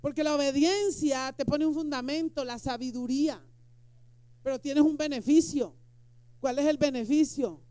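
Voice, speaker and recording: A woman's voice: high voice, moderate pace, warm tone, dry recording. A woman pastor preaching a sermon, emphatic and firing rhetorical questions at the congregation. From Colombia.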